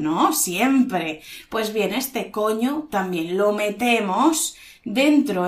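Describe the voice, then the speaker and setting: A woman with a Spanish accent from Spain, teaching a language lesson in a lively, emphatic way and drawing out her examples to show intonation. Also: a little high.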